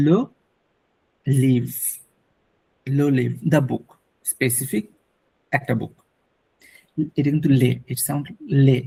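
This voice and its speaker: A man teaching an online French lesson, explaining slowly, repeating words and mixing in English. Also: a little high, mellow, slightly rough.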